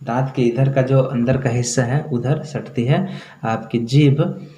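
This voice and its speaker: A man teaching English pronunciation, speaking slowly and repeating each sound, often checking in with the viewer. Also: medium pitch, dark tone. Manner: slow, repeats sounds several times for the viewer. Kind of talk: pronunciation lesson. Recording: echoey room.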